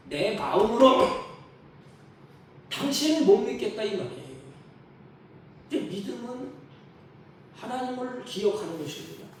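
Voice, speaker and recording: A male pastor preaching a Sunday sermon with emphasis, acting out the complaints of the people in quoted voices. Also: sits high. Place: church sanctuary. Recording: echoey church sound from a distant mic, faint hum.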